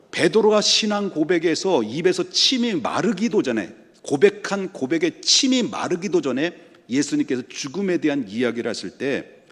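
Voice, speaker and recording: A man's voice: on the high side, big-room sound. A male pastor delivering a sermon, emphatic, asking rhetorical questions and repeating phrases. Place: church sanctuary.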